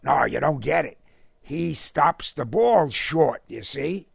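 A man reading a brash ballpark regular in a storybook, talking blunt and impatient. The voice jumps up high and rough, husky at the edges. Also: expressive, takes it slowly, dry recording, full character voice. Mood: explaining, impatient. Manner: loud, blunt, impatient explaining. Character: brash, excitable baseball-loving American man.

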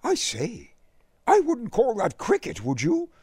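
A man voicing a polite, bewildered gentleman at his first baseball game, in a storybook reading. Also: very high-pitched, huge pitch swings, a little slow, husky, no echo, studio quality, voice pushed up, heavily acted. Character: prim, puzzled British gentleman new to baseball.

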